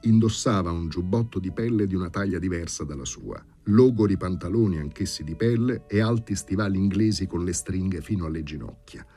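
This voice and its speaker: A man reading a novel aloud in an expressive, theatrical way. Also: low-pitched, fairly quick, few pauses, slightly rough, soft background music. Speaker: audiobook reader.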